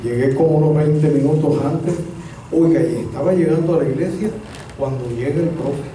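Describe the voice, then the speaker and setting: High-voiced pastor in echoey church. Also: male voice, moderate pace, background noise. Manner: humorous, animated storyteller. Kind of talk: storytelling sermon. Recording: echoey church hall, distant mic.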